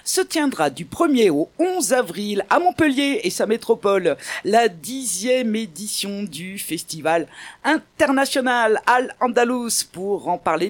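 Lively-voiced woman radio host. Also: mid-range voice. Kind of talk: radio interview.

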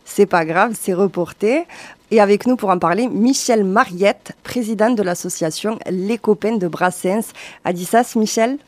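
A woman hosting a radio interview, asking friendly, somewhat halting questions. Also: medium pitch, no room sound. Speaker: radio host.

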